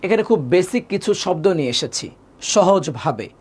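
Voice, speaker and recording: A man's voice: high voice, lively intonation, breathy edge. A man teaching a live online Quran class, patiently repeating each rule and asking his students questions that he answers himself. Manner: slows to spell out letters and vowel marks.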